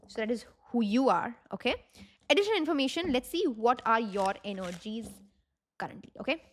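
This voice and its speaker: Fast-talking Indian woman, Hindi-English mix. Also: a little high, animated. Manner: mixes Hindi phrases into English; addresses the listener directly, checking in with "okay?". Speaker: tarot reader and video host. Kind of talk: informal tarot reading to camera.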